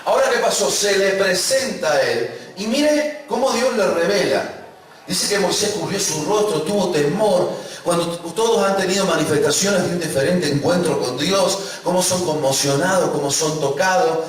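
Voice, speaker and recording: A pastor with a high voice and a Rioplatense Spanish accent preaches emphatically at a moderate pace, prompting the congregation to repeat after him. The church recording is echoey and sounds far off.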